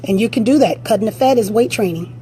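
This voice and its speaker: During a live-stream Q&A on her phone, a woman fitness coach with a raspy, mid-range, dark-toned voice gives blunt, direct motivational advice at a fast clip. The recording is rough, with a little hiss or hum.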